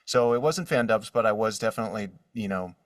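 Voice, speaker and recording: A man with a lowish voice and lively intonation chats casually as an interview guest, answering questions about his working life as a voice actor at a brisk pace. He sits in an indoor room with drawings behind him. The sound is studio quality but roomy, from a distant mic.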